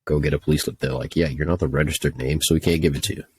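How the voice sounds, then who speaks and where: Young man, extremely low voice, husky tone, swearing, exasperated casual storytelling. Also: steady tone, very fast, dry recording. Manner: profane, exasperated ranting. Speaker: podcast host telling a story.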